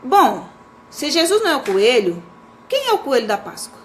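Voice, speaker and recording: A woman's voice: sits high, wildly swooping pitch, moderate pace, a little hiss or hum. Woman doing a curious little boy. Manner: naive, questioning. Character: curious little boy asking endless questions.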